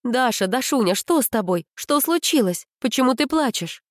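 A woman's voice: fairly high pitch, expressive, moderate pace, no room sound, studio quality, voice pushed up, natural voice. A woman reading as a caring, worried mother. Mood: anxious.

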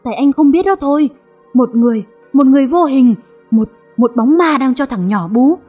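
A woman's voice: high-pitched, lively intonation, normal speed, warm tone, slightly rough, dull audio, soft background music. A woman storyteller voicing a frightened young wife who stammers anxiously. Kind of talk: audio story narration.

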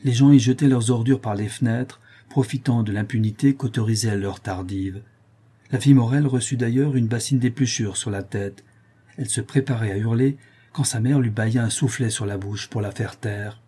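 Mellow, husky male audiobook narrator. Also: medium pitch, normal speed. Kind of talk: scripted narration of a historical novel.

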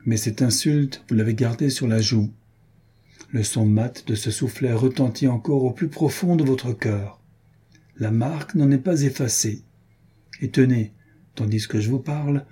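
A man's voice: mid-range voice, normal speed, mellow, husky, lightly acted. A man voicing a stern, menacing soldier-captain who speaks in clipped, bitten-off words. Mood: accusing. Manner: clipped, chewing his words.

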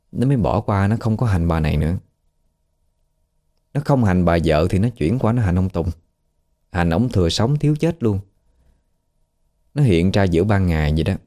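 A man's voice: low voice, warm tone. A man with a Southern Vietnamese accent telling a horror story in a chatty, conversational way, acting out the people he quotes.

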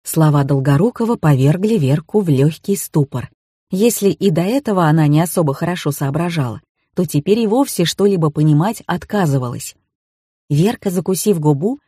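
A woman reading a first-person audiobook in an even, wry storytelling manner. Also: on the low side, moderate pace, husky, no room sound, clean studio sound. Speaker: audiobook narrator.

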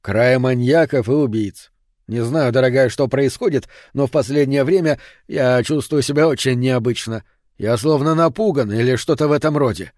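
A man's voice: medium pitch, moderate pace, darkish tone, no echo, studio quality, close to an everyday voice. A man voicing an uneasy, frightened husband who owns funeral homes, talking in an anxious, brooding way.

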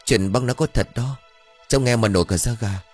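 A man's voice: mid-range voice, quick pace, darkish tone, slightly rough, faint music behind, pitched above the performer's own voice, natural voice. A man voicing a scheming young thief who talks in an eager, ingratiating way, in an audiobook. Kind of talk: audiobook character voice.

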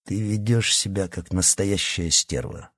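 A man voicing a sullen, brooding teenage boy in an audiobook, speaking low, quiet and curt. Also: lively intonation, measured pace, husky, dry recording, clean studio sound, full character voice. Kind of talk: audiobook character voice.

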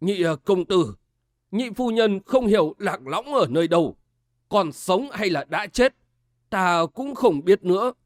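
A man voicing a timid old male servant who guards a gate, speaking slowly and hesitantly with a quavering voice. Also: high voice, animated, no room sound, clean studio sound. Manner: slow, quavering, hesitant with fillers.

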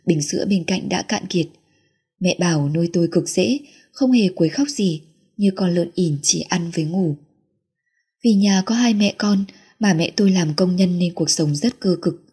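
A woman narrating a romance novel in the first person, in a calm, steady reading voice. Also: fairly low pitch, breathy edge. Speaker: audiobook narrator.

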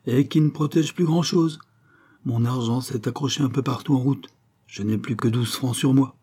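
A man's voice: mid-range voice, normal speed, dark tone, husky, close to an everyday voice. A man voicing a proud, sturdy male mail courier who talks in a boastful, self-assured way.

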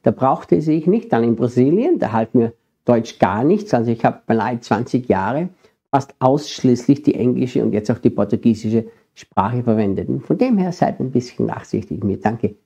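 A man's voice: medium pitch, animated, normal speed, creaky, dark tone, breathy edge. A middle-aged man with an Austrian accent preaching a sermon, earnestly addressing his congregation. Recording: dull lo-fi sermon recording.

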